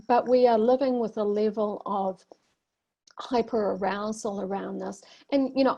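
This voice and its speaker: A woman's voice: mid-range voice, mellow. A woman with a New Zealand accent, speaking thoughtfully as a panelist in a reflective discussion, often restarting her sentences. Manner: thoughtful, searching, with frequent restarts. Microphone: video call.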